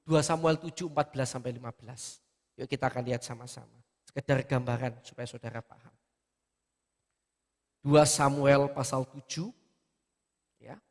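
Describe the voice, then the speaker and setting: A male pastor preaching a sermon in a church, animated and full of rhetorical questions. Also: mid-range voice, normal speed, pauses often, long reverb tail. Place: church hall.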